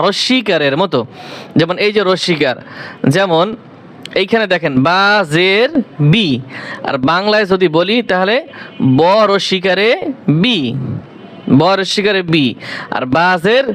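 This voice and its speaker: High-voiced man drilling Arabic syllables. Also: fairly bright tone. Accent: Bangladeshi Bengali. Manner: slow, repetitive drilling of syllables. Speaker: Quran reading teacher. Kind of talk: step-by-step recitation lesson.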